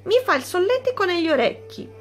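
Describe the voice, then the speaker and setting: A woman's voice: very high-pitched, big pitch swings, slow, a bit bright, faint music behind, pitched above the performer's own voice, heavily acted. A woman voicing a vain, pompous prince who squeals and gets irritated easily, in a children's story reading. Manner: squealing, self-important.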